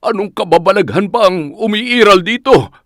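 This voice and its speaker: Actor doing a cranky rich boss, deep-set scolding voice, dry close sound. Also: lively intonation, normal speed, no room sound, lightly acted. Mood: alarmed. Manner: irritated, scolding. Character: gruff, impatient wealthy older male landowner.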